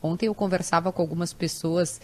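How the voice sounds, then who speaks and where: A woman co-hosting a radio talk show, explaining the news in a loud, hopeful, conversational way. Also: on the low side, steady tone, brisk. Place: radio studio.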